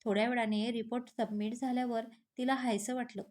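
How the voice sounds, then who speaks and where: A woman narrating a scripted story as storyteller in a steady, even way. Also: on the high side, fairly quick.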